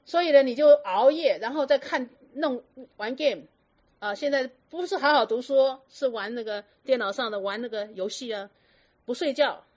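A woman telling stories about patients to an audience in a lively, lecturing way full of rhetorical questions. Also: high voice, moderate pace. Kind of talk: storytelling talk to an audience. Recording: dull lo-fi recording.

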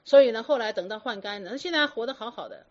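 A woman telling stories about patients to an audience in a lively, lecturing way full of rhetorical questions. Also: a little high, rapid-fire. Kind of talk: storytelling talk to an audience. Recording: dull lo-fi recording.

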